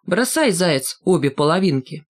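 Woman putting on a calm kind boy leader, lower pitch, soft and steady, reassuring, storybook reading. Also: normal speed. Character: calm, kind boy who leads the others.

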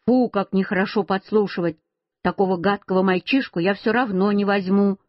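A woman's voice: mid-range voice, steady tone, normal speed, no room sound, close to an everyday voice. A woman reading a children's story aloud, voicing a stern mother who scolds her small son. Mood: cross. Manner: reproachful, firm. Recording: dull lo-fi recording.

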